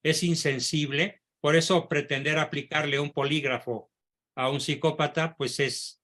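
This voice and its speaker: Man, teacher, assertive, emphatic, bright voice, slightly high pitch. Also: fairly even intonation, unhurried. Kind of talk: lecture with student questions.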